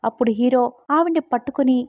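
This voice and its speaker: A woman's voice: sits high, quick pace, no echo. A woman retelling the plot of a romance drama in a storytelling voice, taking on the characters' lines as she goes. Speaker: drama recap narrator. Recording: dry, tinny phone-like sound.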